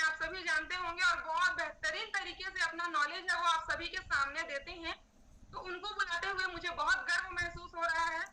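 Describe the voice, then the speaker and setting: A woman's voice: extremely high pitch, sharp tone, slight background noise, poor audio. A woman hosting an online wellness club session, coaxing her listeners and often tagging lines with a questioning "है ना". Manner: coaxing, repeats "है ना" to the audience. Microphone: video call.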